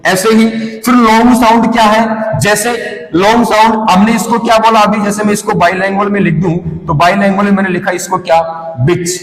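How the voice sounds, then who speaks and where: A man's voice: high voice, steady tone, brisk. A man teaching an English lesson, drilling each term by asking a question and then answering it himself. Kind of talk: classroom lesson, call-and-response drilling. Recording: echoey hall with long reverb.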